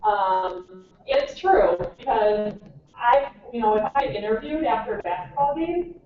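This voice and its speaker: A young Minnesotan American woman talks in a lively, storytelling way, slipping into quoted voices. Her fairly high voice comes from far off in a big echoing hall, thin and tinny like a phone line, with a faint hiss behind it. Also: measured pace. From Minnesota, United States. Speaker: native English conversation partner. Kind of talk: chatty, storytelling, animated. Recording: distant, tinny, echoey hall with faint noise.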